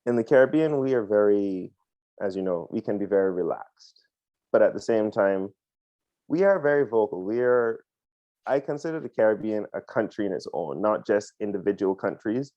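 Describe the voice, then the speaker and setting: A man's voice: fairly low pitch, lively intonation, normal speed, mellow, dry recording. A man from Barbados, a pilot telling his story as a podcast guest in a chatty way, full of ums and uhs. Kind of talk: casual interview answers. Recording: dull lo-fi dry sound.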